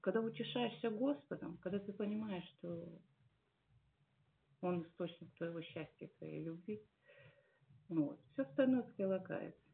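Earnest gravelly woman on a tinny line. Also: on the low side. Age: 40s. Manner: earnest, musing, many fillers and pauses. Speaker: church member giving testimony. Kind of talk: personal testimony at a service. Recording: tinny phone-like sound.

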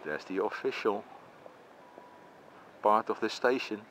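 Speaking at a measured pace in a lowish voice with lively intonation, a Dutch-accented vlogger gives casual commentary while walking and filming. He exclaims often, and his handheld camera mic records a noisy street scene by a busy bike parking.

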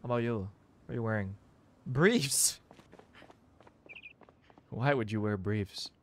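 A man's voice: on the low side, slow. A man streaming a game, chatting casually to viewers and exclaiming over the items he finds. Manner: chatty, exclaims at found items, teases chat. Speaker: livestreamer. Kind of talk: casual gameplay commentary.

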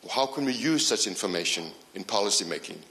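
Low, tense man asking a question. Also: expressive, fast talker, sharp tone. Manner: hesitant, repeating words. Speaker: government official asking a question. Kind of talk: conference Q&A question.

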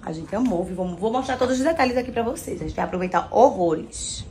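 A woman's voice: medium pitch, lively intonation, quick pace, dark tone, a little hiss or hum. Chatty woman touring a hotel. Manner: chatty, exclaiming to viewers. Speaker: vlogger. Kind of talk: casual vlog tour.

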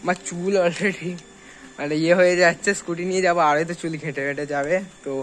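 A man's voice: a little high, fairly even intonation, quick pace, a bit bright, slight background noise. A man chatting casually to camera in a vlog, rambling with lots of fillers. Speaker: vlogger. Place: outdoors and indoors, on the move.

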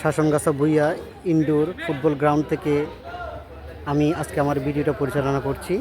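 High-pitched Bangladeshi man commentating on football. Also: little pitch movement, fairly quick. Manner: exclamatory, repeats names and short phrases. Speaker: amateur football commentator filming the match. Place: small indoor football ground. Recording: noisy crowd and ball bounces. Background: loud crowd, bouncing ball.

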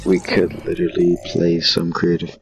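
A man on a headset chatting casually with friends while gaming, slangy and relaxed, saying bro a lot. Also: low-pitched, moderate pace, creaky, faint music behind. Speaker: gamer.

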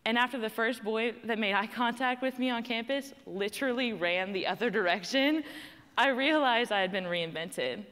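On stage in a large hall, a young adult woman from Texas with an unmistakable accent shares a prepared personal story as part of a student panel. Her voice sits a little high and a bit bright, moving at a moderate pace, conversational yet emphatic on key words. The hall gives her a long reverb.

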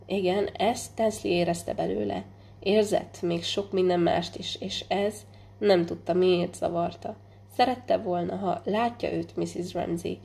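A woman narrating a literary audiobook in a measured, unhurried way, now and then stumbling and restarting a word. Her voice is low-toned and mellow with a gravelly edge, sitting at an ordinary pitch for a woman. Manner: measured, unhurried reading with small slips and restarts. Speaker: audiobook reader.

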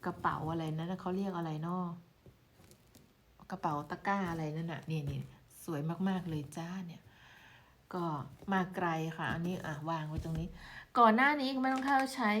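Thai woman doing a casual beauty vlog, lowish voice, chatty and excited about her creams. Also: slight background noise. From Thailand. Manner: chatty, exclaiming while showing products. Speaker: beauty product reviewer. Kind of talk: casual product review vlog.

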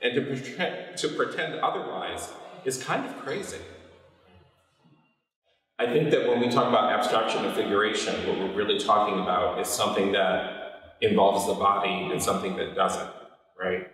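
A man's voice: fairly low pitch, moderate pace, fairly bright tone. A middle-aged man, a painter, talking reflectively about his work in an interview and often checking in with "right?". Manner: thoughtful, often ends points with "right?". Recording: roomy, echoey, from a distance.

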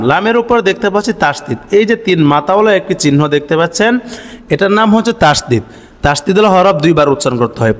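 A high-pitched man leads a careful recitation lesson, posing questions to himself and answering them at once. He slows down to chant each example word, and his voice trails off into a long reverb. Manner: explains slowly, asks and answers his own questions, chants sample words. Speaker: Quran reading teacher.

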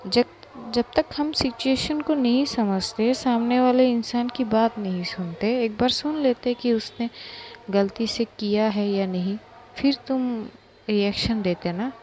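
Woman voicing a gentle comforting father. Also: a little high, unhurried, slight background noise, natural voice. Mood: tender. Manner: gentle, reassuring, lecturing softly. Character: caring father comforting his teenage daughter.

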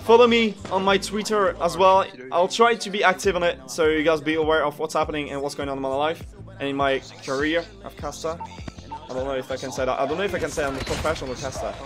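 A young Frenchman with a French accent talks casually into a headset mic, his voice sitting a bit high for a man. He rambles and gropes for words now and then. Music runs clearly underneath. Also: fairly even intonation, fast talker, fairly bright tone. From France. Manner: chatty, searches for words, loses his thread. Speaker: esports caster and streamer. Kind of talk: casual commentary over gameplay. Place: indoor room, gaming chair.

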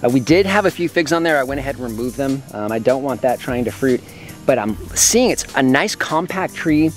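Male vlogger, casual outdoor garden walkthrough, chatty and enthusiastic, soft music bed. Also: mid-range voice, lively intonation, a little fast. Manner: chatty, enthusiastic, talks while eating. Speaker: homesteading vlogger. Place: outdoors in an orchard.

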